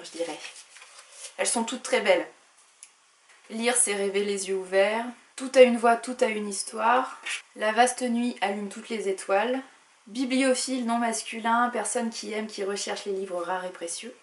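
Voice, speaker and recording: A woman's voice: fairly high pitch, a little hiss or hum. A woman book vlogger casually reviewing a subscription box, chatting freely with frequent fillers. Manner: chatty, many "euh" and "voilà". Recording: echoey room.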